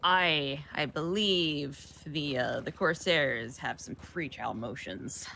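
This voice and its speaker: A man's voice: on the high side, vocal fry, bright, forceful tone, slight background noise. A man acting as defense counsel in a game role-play, speaking hesitantly with many halts. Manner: hesitant, halting.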